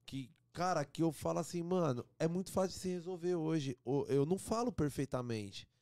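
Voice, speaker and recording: Um homem brasileiro conversando à vontade, cheio de gírias, divagando nas histórias. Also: male voice, a little high, animated, moderate pace, dark tone, clean tone, no echo, clean studio sound. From Brazil. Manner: slangy, rambling, says mano a lot. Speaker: band member guest. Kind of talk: casual podcast chat.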